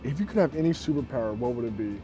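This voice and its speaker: A man's voice: medium pitch, expressive, rapid-fire, over music, rough recording. A man interviewing students in a casual, playful way.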